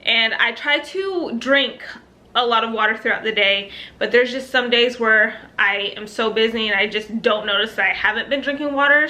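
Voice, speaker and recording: A young woman chats to her camera in a casual, upbeat vlog. Her voice sits a bit high and rings bright and forceful, and she laughs lightly between thoughts. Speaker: vlogger.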